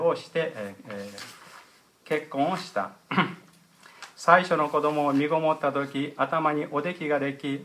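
Measured, hesitant middle-aged male pastor. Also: mid-range voice, a bit bright. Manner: measured, explanatory, with frequent hesitation fillers. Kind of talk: sermon.

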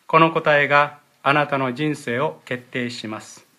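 A man giving a sermon as pastor, explaining Bible verses and their original words, often clearing his throat. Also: a little high, steady tone, takes it slowly, pushed and bright. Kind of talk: sermon with scripture reading.

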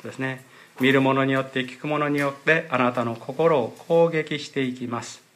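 A man's voice: mid-range voice, fairly even intonation, normal speed, fairly bright tone. A man preaching as pastor at a church service, earnest and often padding his phrases with little fillers. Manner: earnest, pads phrases with "desu ne". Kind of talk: sermon.

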